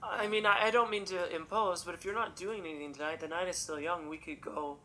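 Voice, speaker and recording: A man's voice: sits high, steady tone, fairly quick, sharp tone, slight background noise, rough recording. A man playing a paranoid escaped male mental patient in an amateur radio drama, stammering and rambling. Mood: awkward. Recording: music playing underneath.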